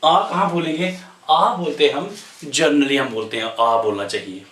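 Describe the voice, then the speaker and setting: A man's voice: a little high, fairly bright tone. Man teaching grammar in an echoey room. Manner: explains slowly with many pauses and fillers, mixing English terms into Hindi. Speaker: English teacher. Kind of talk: classroom grammar lesson. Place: classroom. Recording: roomy echo, voice from a distance.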